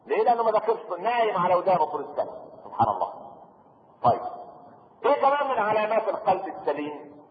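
A man with an Egyptian Arabic accent preaching a sermon, lively and joking, full of rhetorical questions to the audience. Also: sits high, fast talker, pauses often. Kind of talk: sermon with colloquial asides. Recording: echoey hall on a tinny lo-fi recording with faint noise.

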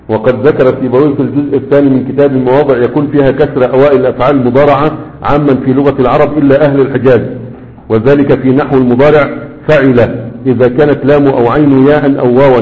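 A male teacher with an Egyptian accent reads from a text and stops often to quiz his class and repeat key words. His voice sits at an ordinary middle pitch. The sound is thin and phone-like, with a long echo trailing behind it. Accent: Egyptian Arabic. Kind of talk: classroom lecture, reading a text aloud and explaining it. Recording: tinny phone-like audio in a long-reverb hall.

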